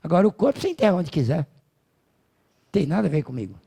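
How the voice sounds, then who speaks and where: A man's voice: a little high, big pitch swings, vocal fry, warm tone, husky, exaggerated voice. A man playing a serene old philosopher. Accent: Brazilian Portuguese. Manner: slow, solemn, measured delivery. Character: calm condemned old philosopher, serene and certain.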